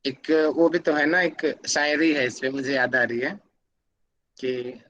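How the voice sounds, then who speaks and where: A man's voice: fairly high pitch, takes it slowly, fairly bright tone, dull audio, slight background noise. A man teaching an online class, explaining with examples and putting questions to his students. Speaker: yoga academy teacher.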